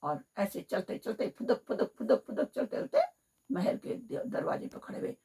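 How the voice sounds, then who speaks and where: A teacher telling a children's story on the radio, talking straight to the children in an animated way. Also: female voice, mid-range voice, normal speed, creaky, slightly rough. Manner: animated, addresses children directly. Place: radio studio.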